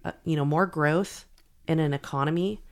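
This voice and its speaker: A woman's voice: low voice, moderate pace. A woman co-hosting a podcast in casual chat, her voice scratchy from a sore throat. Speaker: podcast co-host.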